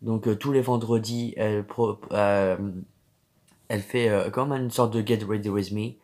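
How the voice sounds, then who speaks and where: A man's voice: fairly low pitch, fairly even intonation, unhurried, darkish tone. A man hosting a casual vlog, speaking affectionately to viewers and stumbling over fillers and restarts. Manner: hesitant, many fillers and restarts. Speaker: beauty YouTuber host.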